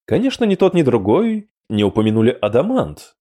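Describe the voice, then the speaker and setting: A male audiobook narrator who tells the story with expressive, scripted delivery. His pitch rises and falls very widely as he reads. The timbre is dark and mellow. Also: fairly quick.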